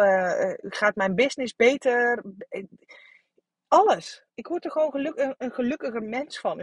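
Breathy 30s woman doing a solo podcast, frank coachy talk, lots of ehms, dry close mic. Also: mid-range voice, no echo. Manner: frank, coaching, swears casually, many fillers and restarts. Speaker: podcast host. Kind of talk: candid solo podcast monologue.

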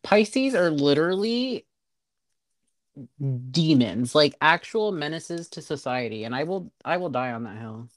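A woman's voice: deep voice, animated. A woman co-hosting a podcast in casual chat. She teases, makes her points with emphasis and laughs easily. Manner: emphatic, teasing, quick to laugh. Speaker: podcast co-host.

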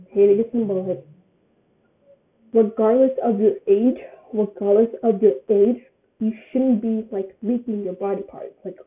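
An eighteen-year-old woman giving her opinion in a casual vlog, rambling and often repeating her phrases. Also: mid-range voice. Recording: tinny phone-like sound.

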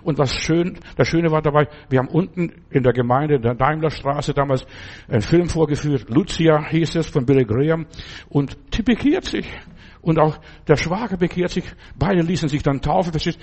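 Treating the listener as a friend, a man preaches an informal, conversational sermon built on personal stories, often asking "verstehst du?" to make sure they follow. He talks at normal speed in a darkish voice on the high side.

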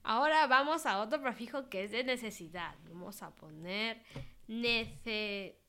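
A woman's voice: on the high side, moderate pace, bright, forceful tone. A young woman, casually reading out search suggestions and adding playful, wry asides as a vlogger.

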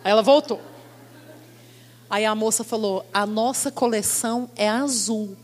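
A woman preacher giving a sermon, telling a personal testimony with animated storytelling and acted-out dialogue. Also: a little high, a little slow. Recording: long hall reverb.

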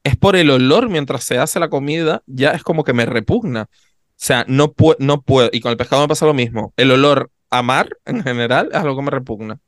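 A man co-hosting a podcast in casual chat, expressive and full of little tag questions. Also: mid-range voice, fairly quick, dry recording, clean studio sound. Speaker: podcast co-host.

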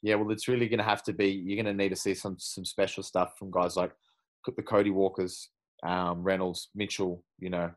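Man, low voice, easygoing sports co-host. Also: little pitch movement, brisk. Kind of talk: casual sports talk.

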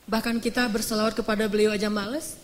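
A woman's voice: mid-range voice, level tone, fast talker. A woman preaching an emotional religious sermon, retelling scenes in casual, repetitive phrasing.

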